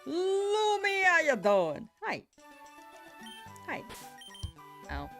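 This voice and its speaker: A woman's voice: on the low side, expressive, moderate pace, faint music behind. A young woman streaming a game, chatting casually and giggling as she reads viewer messages. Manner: laid-back, giggly, chatting with viewers while hunting in a game. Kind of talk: casual live-stream chat.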